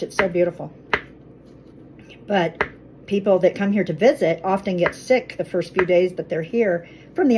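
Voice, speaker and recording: A woman's voice: fairly low pitch, noisy background. A woman chatting casually as she makes fruit water in her home kitchen. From Colorado. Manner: chatty, friendly, talks while cooking. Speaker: vlogger.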